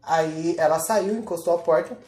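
A man's voice: fairly high pitch, moderate pace, darkish tone, echoey room. A young Brazilian man, a podcast host, casually telling a story in slangy talk full of reported dialogue.

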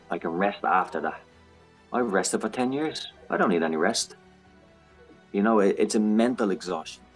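Man, 30s, very low voice, blunt storyteller who curses casually; soft music underneath. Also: low-quality recording. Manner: frank, blunt, swears freely. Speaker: guest sharing recovery story. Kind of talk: candid podcast conversation.

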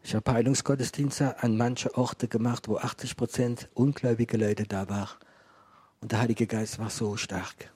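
A man's voice: mid-range voice, level tone, normal speed, mellow, slightly rough. A middle-aged man preaching and telling a testimony to a live audience, acting out dialogue as he goes. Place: room with a gathered audience.

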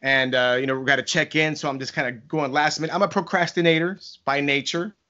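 Middle-aged male podcaster, slightly high voice, loose rambling storytelling, dull lo-fi audio. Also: steady tone, quick pace, bright, forceful tone. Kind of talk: casual chat, anecdotal storytelling.

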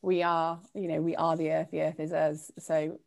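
A woman's voice: sits low, level tone, moderate pace, gravelly. A woman hosting a podcast interview, enthusiastic and affirming toward her guest. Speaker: podcast host.

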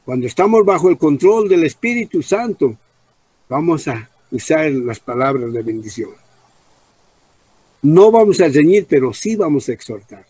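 A man preaching a Bible study sermon, repeating key phrases, slowing down on emphasized words and asking the congregation questions. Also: on the high side, very animated, dark tone, slightly rough.

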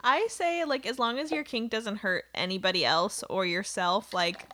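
A woman's voice: medium pitch, normal speed, sharp tone, a little hiss or hum. Laughing young woman with dry quips. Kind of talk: casual chat.

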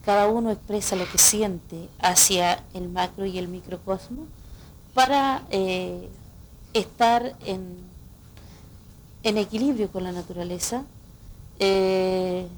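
A woman's voice: medium pitch, takes it slowly, slight background noise. A woman, a guest singer in a radio interview, explaining in a reflective way and often checking in with the listener. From Chile. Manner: explanatory, reflective, frequent "¿no?" tags.

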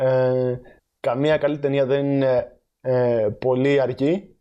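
A man's voice: medium pitch, level tone, warm tone, smooth, highs cut off. A man co-hosting a casual film podcast, playful and laughing often, rambling with fillers. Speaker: podcast co-host. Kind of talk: casual chat about films.

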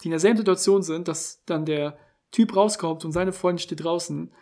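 A man's voice: on the high side, brisk, mellow. A man co-hosting a casual podcast, rambling and self-mocking as he acts out his own thoughts. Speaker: podcast co-host. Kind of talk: casual chat.

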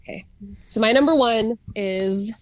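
A woman with a fairly high, bright voice co-hosts a podcast, chatting loosely and without hurry in a forceful tone. She laughs often and fills her speech with lots of fillers, and the recording is dry.

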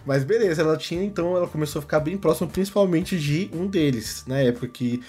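Young man, podcast co-host, casual rambling story, fillers, somewhat high pitch. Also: quick pace, a little mellow. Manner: rambling, fillers like "mano" and "tá ligado".

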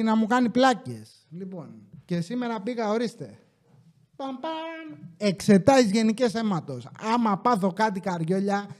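A man hosting a podcast, telling comic stories in a casual, animated way, acting out what customers said and swearing freely. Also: high-pitched. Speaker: podcast host.

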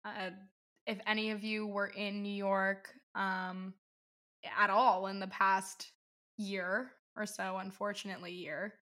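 A woman's voice: medium pitch, little pitch movement, slow pace, sharp tone. A woman hosting a casual interview, speaking informally and addressing both guest and listeners. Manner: informal, complimentary. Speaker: podcast host.

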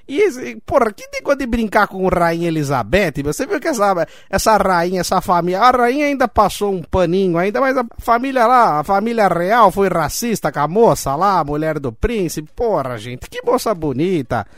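Brazilian old-uncle type, cranky, insists he's young, a touch high, dry read, as the male host puts it on. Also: very animated, normal speed, few pauses, a bit bright, no room sound. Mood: indignant. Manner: grumbling, indignant, swearing often. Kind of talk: comic advice segment.

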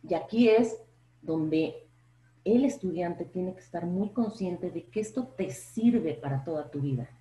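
A woman professor with a Mexican accent, a podcast guest explaining public speaking in an expressive way, full of rhetorical questions. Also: lowish voice, unhurried, echoey room, rough recording. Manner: expressive, plays up intonation, asks rhetorical questions.

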